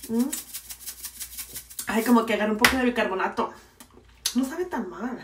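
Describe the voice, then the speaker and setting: A woman's voice: on the high side, moderate pace. Chatty Mexican woman in an echoey room. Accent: Mexican Spanish. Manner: chatty, playful, addresses viewers directly. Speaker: beauty vlogger. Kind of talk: casual chat while applying a face mask. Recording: echoey room, mic far off, faint noise.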